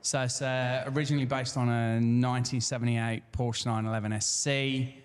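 A man's voice: mid-range voice, little pitch movement, moderate pace. An English man from the audience, chatting casually as a guest. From Leicester, England. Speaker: audience guest, car owner. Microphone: passed-around handheld microphone. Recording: reverberant hall, PA microphone.

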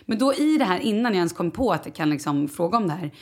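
A woman, chatting on a podcast and telling a story with plenty of energy. She swings her pitch up when she quotes others and acts out the people in her tale. Her delivery is casual and quick. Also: expressive. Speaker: podcast co-host. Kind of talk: casual chat.

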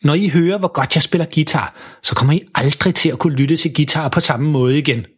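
A man's voice: a little high, husky. A man voicing a boastful, embarrassing father in a children's story. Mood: cocky. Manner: cocky and loud.

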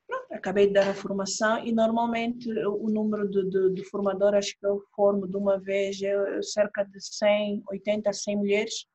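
Husky Angolan woman telling a story. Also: medium pitch, moderate pace. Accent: Angolan Portuguese. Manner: emotional, lively storytelling with quoted dialogue. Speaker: interview guest, soap-making trainer. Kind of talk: storytelling in an interview.

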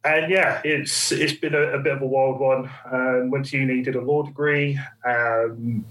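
A man with an Essex accent gives an easygoing, self-deprecating interview as a podcast guest. His voice sits at a medium pitch. The recording is roomy and slightly distant from the microphone. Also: fairly even intonation, moderate pace, fairly bright tone. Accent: Essex English. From Essex, England. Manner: laid-back, self-deprecating. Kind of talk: casual interview chat. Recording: roomy, off-mic remote recording.

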